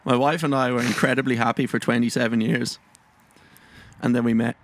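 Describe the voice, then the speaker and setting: A man's voice: mid-range voice, level tone, brisk, dry recording. A man co-hosting a casual podcast, chatty and swearing, with apologetic asides. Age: 20s. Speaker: podcast co-host. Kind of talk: casual chat.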